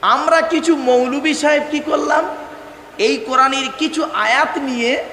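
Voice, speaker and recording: Man preaching a waz, super high bright voice, repeats himself a lot, big roomy hall sound. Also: slight background noise. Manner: declamatory, repeats phrases, addresses listeners as "baba"; chants Arabic verses slowly. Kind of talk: Bengali waz sermon to a gathered audience.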